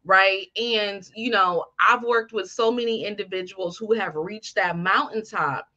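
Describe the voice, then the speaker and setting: Bright-voiced woman podcast co-host. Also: medium pitch, measured pace, highs cut off. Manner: animated, chatty, emphatic. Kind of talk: casual reaction podcast chat.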